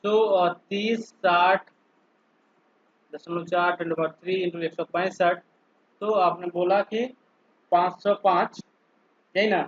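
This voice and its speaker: High-pitched guy teaching online class, slow, keeps asking students stuff, dull lo-fi audio. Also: steady tone. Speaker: polytechnic lecturer.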